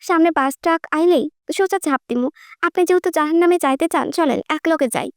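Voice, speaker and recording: A woman's voice: high voice, brisk, no room sound, clean studio sound, lightly acted. A woman voicing a joking, working-class male rickshaw puller in folksy, teasing speech.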